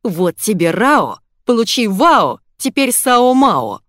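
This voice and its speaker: A woman's voice: medium pitch, lively intonation, measured pace, a little mellow, dry recording, clean studio sound, pitched above the performer's own voice, lightly acted. A woman reader voicing a young woman with an explosive temper, in an audiobook. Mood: raging. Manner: shrieking, hysterical outbursts. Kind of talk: audiobook reading.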